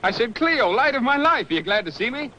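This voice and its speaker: A young actor playing a breezy, teasing gentleman son who loves horses. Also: fairly high pitch, sing-song, moderate pace, muffled recording, slight background noise.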